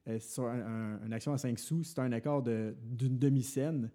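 Mellow Quebec French man explaining. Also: mid-range voice, steady tone, normal speed. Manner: explains at length with many fillers and restarts. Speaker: podcast co-host. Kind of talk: casual finance podcast talk.

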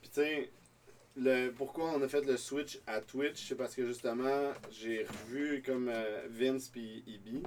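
A man's voice: medium pitch, steady tone, unhurried. A man with a Quebec French accent, co-hosting a podcast in casual chat, opinionated and swearing freely. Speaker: podcast co-host. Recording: distant mic with faint noise.

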